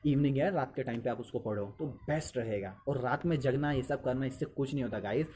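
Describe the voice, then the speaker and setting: Male teacher, chatty and repetitive, mid-pitched, recorded with a noisy hiss. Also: a little fast, a little mellow. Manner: conversational, repeats phrases, mixes English into Hindi. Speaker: teacher giving study tips. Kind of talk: casual spoken study advice.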